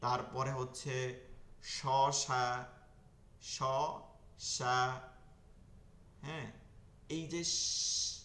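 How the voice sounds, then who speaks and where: A man's voice: medium pitch, fairly even intonation, extremely slow, pauses often, bright, forceful tone, reverberant. A man teaching Quran pronunciation in an online class, explaining where the tongue goes and repeating each Arabic letter sound many times over. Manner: explains tongue and teeth placement step by step.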